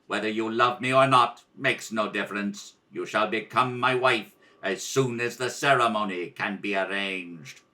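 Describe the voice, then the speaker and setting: A man's voice: on the low side, normal speed, sharp tone, pitched below the performer's own voice. A man voicing a cold, merciless alien emperor in pompous, commanding old radio serial style. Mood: cold, imperious.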